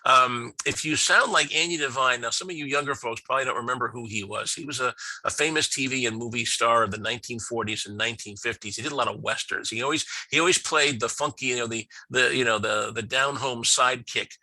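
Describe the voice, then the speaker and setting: A middle-aged man lectures on business in a chatty, rambling way, with many fillers and restarts. His voice is very bright and forceful. The sound is close and dry, with no room in it. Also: medium pitch, fast, no echo, poor audio. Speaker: business speaker. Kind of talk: webinar lecture with slides.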